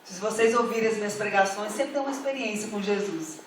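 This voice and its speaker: A woman's voice: medium pitch, expressive, fast talker, background noise. A middle-aged woman pastor, preaching a fervent sermon that rises to emphatic calls to the congregation. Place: church hall. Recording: echoey hall from far off.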